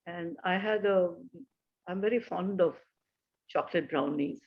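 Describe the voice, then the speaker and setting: An older woman with an Indian English accent, a podcast guest telling a personal story in a casual, halting way with many pauses and restarts. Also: on the low side, husky, lo-fi sound.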